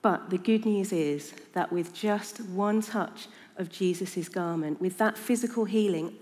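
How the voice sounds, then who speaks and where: A woman's voice: mid-range voice, darkish tone. A woman giving an earnest, conversational sermon in a church. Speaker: preacher. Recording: long reverb of a church hall.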